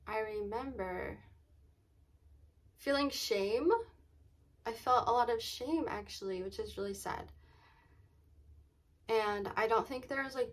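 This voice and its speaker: A woman chatting casually in a vlog, often saying "like" and "um" and pausing to think aloud. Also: medium pitch. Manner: says "like" and "um" very often as filler; halting, thinking aloud, trailing off mid-sentence. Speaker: vlogger.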